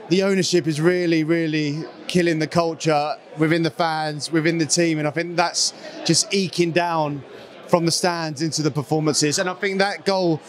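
Young man, fairly high voice, monotone delivery, football chat guest, handheld mic. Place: small studio set with a painted wall backdrop.

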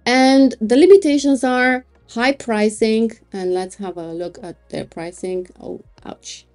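A woman reviewing web hosting plans over a screen recording, thinking aloud in an unhurried way with small laughs. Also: fairly high pitch, a little mellow, faint music behind. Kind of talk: screen-recorded product walkthrough.

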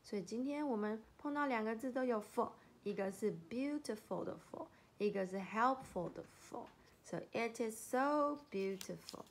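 A woman teaching English from a picture book, reading lines slowly and repeating each word several times as she sounds it out, with quick explanations in between. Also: on the high side, a little hiss or hum. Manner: slow, drawn-out English words, quick asides in Chinese. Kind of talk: bilingual phonics lesson, reading aloud.

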